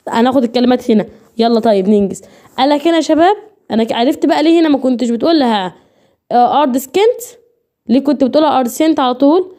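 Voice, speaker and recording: Her voice is high-pitched and dark, and she talks in rapid bursts. Teaching English online with an Egyptian Arabic accent, she repeats every point and speaks directly to her students.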